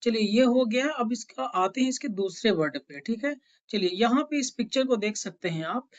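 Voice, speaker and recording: A woman's voice: fairly high pitch, lively intonation, moderate pace, muffled recording. A woman English teacher giving a spoken lesson, explaining patiently, repeating words and checking that listeners follow.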